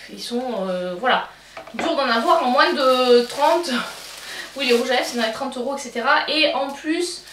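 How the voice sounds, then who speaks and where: A woman's voice: on the high side, a bit bright, slight background noise. A young woman with a French accent reviewing a beauty box in a chatty way, full of fillers and restarts. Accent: French, self-described accent. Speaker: beauty vlogger. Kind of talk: casual unboxing review. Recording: echoey room, from a distance.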